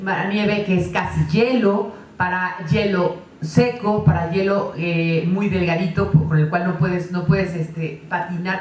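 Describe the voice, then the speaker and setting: A woman giving a lively, conversational conference talk, often adding tag questions. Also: lowish voice, slight background noise. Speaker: lecturer. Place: conference hall. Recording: echoey hall, distant mic.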